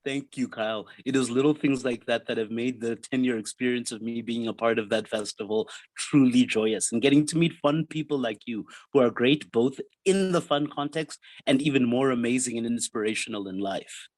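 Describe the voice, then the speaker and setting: A South African man in his fifties, a comedian guest in a casual interview, telling his story with quick jokes. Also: mid-range voice, darkish tone, no room sound, rough recording. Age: 50s. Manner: jokey, quick one-liners.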